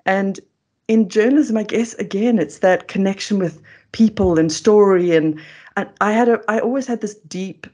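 A food coach from South Africa, middle-aged, is interviewed over a remote video call, her medium-pitched, darkish voice keeping a moderate pace. She chats away in casual, self-deprecating storytelling.

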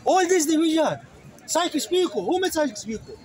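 A man preaching fiercely to an open-air crowd in halting non-native English, calling his listeners "brother" and searching aloud for words. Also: extremely high pitch, sing-song, darkish tone, poor audio. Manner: fiery, emphatic, calls listeners "brother". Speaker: street speaker debating a crowd. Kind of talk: open-air soapbox debate. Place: outdoor public speaking area in a city. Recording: outdoor crowd noise. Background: crowd of listeners around him.

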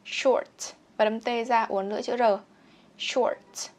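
A young woman with a slightly high voice runs a bilingual vocabulary lesson. She says each English word slowly, repeats it several times for practice, and explains it in Vietnamese. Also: fairly even intonation, a little mellow. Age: young adult. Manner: repeats words slowly and clearly for drilling. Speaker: English teacher.

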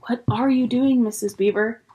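A woman's voice: fairly high pitch, steady tone, moderate pace, dark tone, breathy edge. A woman voicing an anxious, sensible young girl in a storybook reading, urgent and worried.

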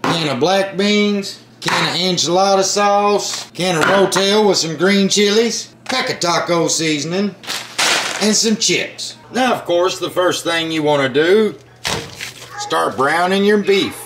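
A man's voice: high voice, a little slow. A man, chatting folksily while filming a home cooking vlog in his kitchen. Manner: folksy, chatty, says y'all. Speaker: family vlogger and home cook. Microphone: handheld camera mic. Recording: noisy home kitchen audio.

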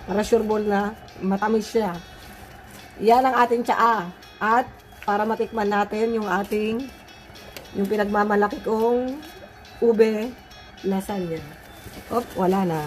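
A woman's voice: medium pitch, steady tone, measured pace, pauses often, soft background music. A woman with a Filipino accent, chatting casually to viewers in a home vlog while getting over the flu, her voice a little changed by it. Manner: chatty, addresses viewers as guys. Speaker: vlogger. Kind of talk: casual cooking and gardening vlog.

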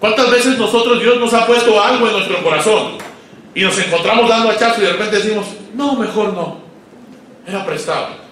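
High-voiced preacher in an echoey hall. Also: male voice, fairly even intonation, quick pace, slight background noise. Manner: swings between loud emphatic peaks and low quiet asides; asks the audience questions and waits for replies. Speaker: guest pastor. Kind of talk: sermon to pastors. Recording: echoey hall, voice far from mic.

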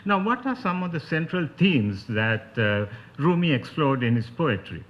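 A man's voice: on the high side, very animated, moderate pace. A man with a Sri Lankan accent giving an academic talk as a panelist, in a scholarly, explanatory manner. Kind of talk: spoken academic lecture. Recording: dull, lo-fi talk recording.

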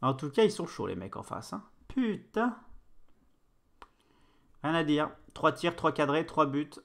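Excitable French-speaking man streaming a game. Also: on the high side, vocal fry. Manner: excitable, swears, quick bursts of play-by-play. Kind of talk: casual game commentary.

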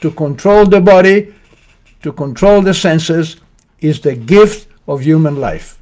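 A man's voice: fairly high pitch, expressive, a little mellow. An older man giving an earnest, emphatic sermon on scripture, speaking from his living room into a webcam. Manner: earnest, emphatic preaching with measured pauses. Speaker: spiritual teacher.

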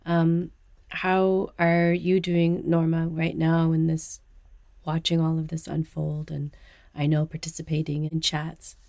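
A woman hosting a podcast interview, gentle and sympathetic with her guests. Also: low-pitched, completely flat delivery, a little slow, gravelly, no echo, clean studio sound. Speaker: podcast host.

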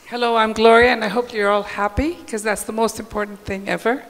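A woman's voice: a little high, fairly even intonation, brisk, gravelly. A woman speaking as a panelist on a conference stage, upbeat and emphatic, into a handheld mic. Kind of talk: panel discussion answer. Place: large conference hall stage. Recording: reverberant hall.

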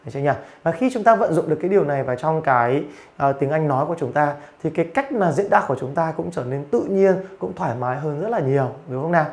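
A man's voice: fairly high pitch, expressive, fast. A man teaching, giving an online grammar and pronunciation lecture and explaining patiently with frequent fillers. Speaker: English teacher.

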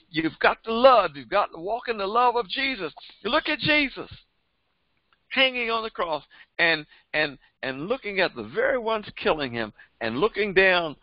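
Wearing a headset microphone in a small indoor studio with a printed backdrop, an older pastor delivers a Bible lesson in a high voice. He preaches with a fervent, repetitive cadence, and the recording is dry and slightly dull.

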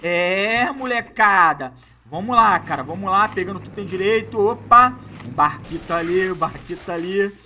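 A man doing excitable, slangy live gameplay commentary as a gaming YouTuber, hyping up his viewers. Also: high voice, normal speed, few pauses, a little hiss or hum.

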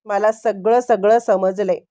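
A woman's voice: mid-range voice, fairly even intonation, unhurried, dark tone, natural voice. A furious young husband who accuses his wife and demands the truth, as a woman narrator reads his lines. The lines are read firmly and insistently in this storybook-style retelling. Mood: angry.

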